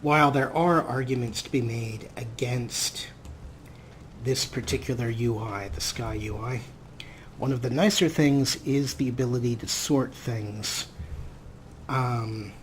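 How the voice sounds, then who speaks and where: Over slight background noise, a mid-range male voice narrates his let's play in a relaxed, dry way. He takes his time and seems to be chatting mostly to himself as he plays.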